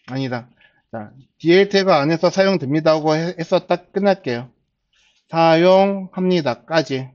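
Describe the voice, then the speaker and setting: A man's voice: a little high, a little mellow. Patient man lecturing, lo-fi recording. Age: 40s. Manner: starts phrases with a drawn-out filler, slow and patient. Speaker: instructor. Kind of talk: classroom lecture.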